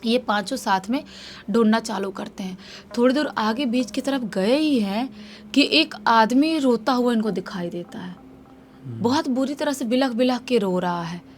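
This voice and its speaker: A woman's voice: a little high, normal speed, slight background noise. A woman narrating a horror story in a loose, conversational way, often repeating herself. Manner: loose, repetitive spoken retelling.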